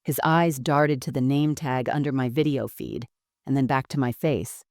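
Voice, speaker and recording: A woman narrating a first-person story in a calm, measured, composed way. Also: extremely low pitch, no echo, studio quality.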